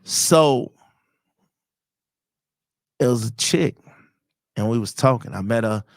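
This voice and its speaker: A podcast host in his thirties from Chicago, United States, tells personal stories in a casual, slangy, conversational way, acting out quoted dialogue. His medium-pitched voice is creaky and slow-paced, recorded dry with studio quality.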